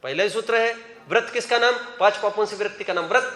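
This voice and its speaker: A man teaches a scripture class, calling on students by name and urging them to raise their hands. His high voice is quick and fairly bright, echoing with hall reverb.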